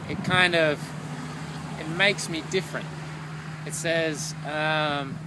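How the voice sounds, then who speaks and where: A man's voice: a little high, steady tone, slow. A tired man, a solo runner, recording a rambling, thoughtful video diary outdoors by a road. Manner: rambling, thoughtful, lots of fillers. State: tired after a long run. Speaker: solo long-distance runner vlogging. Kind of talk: casual reflective video diary. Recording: loud traffic noise outdoors.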